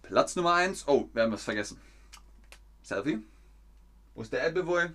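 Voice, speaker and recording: A man giving a live-streamed German lesson, reading chat comments, quizzing viewers and slowly repeating and rephrasing sentences for learners, with playful joking asides. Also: on the high side, animated, fairly bright tone. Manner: asks viewers questions and reads out chat comments. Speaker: German teacher.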